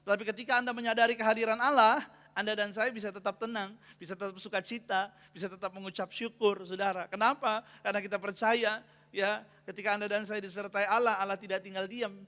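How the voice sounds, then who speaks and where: A man's voice: high voice, level tone, quick pace, bright, forceful tone. A man preaching a sermon as pastor, calling out questions to the congregation and having them fill in the answers. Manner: call-and-response preaching, often asking the congregation to finish his sentences. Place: church hall. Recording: long reverb of a church hall.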